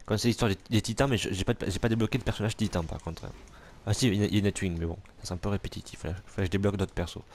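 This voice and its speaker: A man's voice: fairly low pitch, steady tone, rapid-fire, a little mellow, a little hiss or hum. A man casually commentating a superhero video game, joking, swearing and talking back to enemies on screen. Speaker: gamer commentating gameplay. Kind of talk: let's play commentary.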